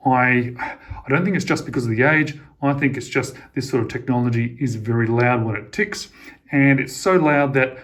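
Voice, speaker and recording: A man talks through a product review in a relaxed, chatty way. His voice sits in a middle pitch, and he sounds enthusiastic and conversational. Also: moderate pace. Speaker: watch and clock reviewer.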